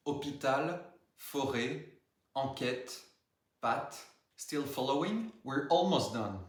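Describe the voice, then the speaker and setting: A man gives a scripted French pronunciation lesson in a middle-pitched voice. He says each example word slowly and carefully. The room around him rings with noticeable echo. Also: fairly bright tone. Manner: slow, careful example words. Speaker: French teacher.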